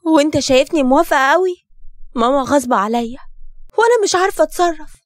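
A woman with an Egyptian accent voicing a hurt, tearful young woman in an animated story. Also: sits high, fast talker. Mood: upset.

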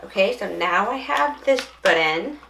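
A woman's voice: medium pitch, expressive, a little slow, creaky. A woman giving a casual how-to demonstration of dressing aids, chatting and thinking aloud as she goes. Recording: roomy echo, distant mic, faint noise.

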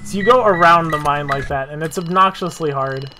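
Easygoing male speedrunner explaining routes, self-deprecating, recording carries clear background noise. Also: a little high, brisk. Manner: relaxed, self-deprecating, frequent fillers and repeated words. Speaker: speedrun tutorial narrator. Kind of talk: casual gameplay walkthrough commentary.

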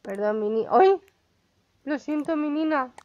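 Brief: young Spain Spanish woman gamer, chatty and exclamatory, high-pitched, dull recording. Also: animated, a little slow, a little mellow. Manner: chatty, exclamatory, talks to viewers. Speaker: gaming vlogger. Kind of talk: casual gameplay commentary. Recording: dull lo-fi sound.

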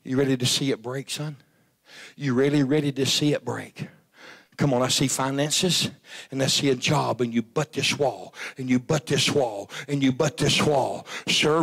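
A man preaching at a revival, fervent and often shouting, with a stutter and sudden quieter passages. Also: fairly high pitch.

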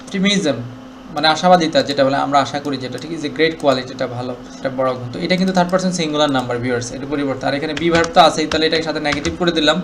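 A man with a Bangladeshi accent teaching English grammar, asking questions and answering them himself, with the English examples read slowly. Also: on the high side, noisy background. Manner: quick, explanatory, asks and answers his own questions, reads English examples slowly. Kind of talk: explaining grammar to students.

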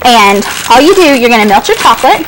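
A woman's voice: fairly high pitch, big pitch swings, fast talker, background noise. A young woman co-hosting a local TV cooking show, chatty and upbeat as she explains each step. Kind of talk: casual cooking demonstration. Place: small indoor TV studio set.

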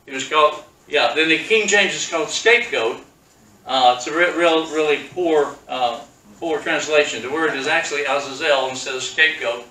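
A man teaches a congregation in a loose, halting way, full of fillers and restarts. His voice is bright and a little high, heard from some distance in an echoey church hall. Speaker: pastor. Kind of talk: casual bible teaching. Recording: echoey room, speaker far from mic.

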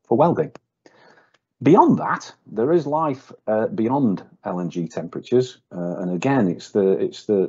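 A man's voice: lowish voice, warm tone, slightly rough. A man presenting a technical webinar for a welding company, speaking off the cuff with many fillers and repeated words. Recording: dull lo-fi webinar audio.

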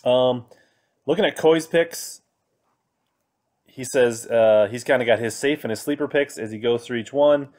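A man in his thirties hosts a fantasy fishing podcast, chatting casually through his picks and reading from web pages with plenty of fillers. His mid-range, slightly mellow voice runs a little slow with long pauses, in an indoor screen recording with a webcam inset.

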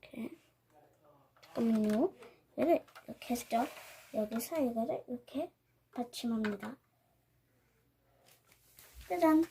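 A woman's voice: on the high side, a little slow, pauses often, warm tone, slight background noise. A young girl hosting her channel, narrating a toy build step by step with cheerful ta-da calls. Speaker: channel host.

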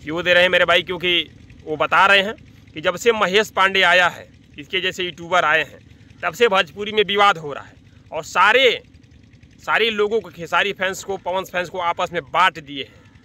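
A vlogger with a high-pitched, sharp voice speaks at normal speed into a phone at arm's length, giving emphatic casual commentary to camera. He repeats his phrases and calls his listeners "brother." He's outdoors in an open-sided thatched hut beside farm fields.

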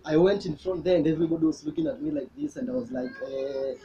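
A man's voice: a little high, quick pace, a loud crowd. A young Kenyan man with a Kenyan accent, a youth preacher chatting casually as an interview guest. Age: young adult. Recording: muffled audio with background noise.

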